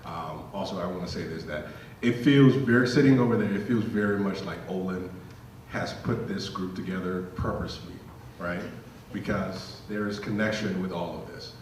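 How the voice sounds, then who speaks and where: Man, deep voice, from Liberia, symposium speaker, casual self-deprecating, roomy hall echo, faint hiss. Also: moderate pace. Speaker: panel speaker. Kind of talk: symposium talk. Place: lecture hall. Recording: echoey hall, distant mic.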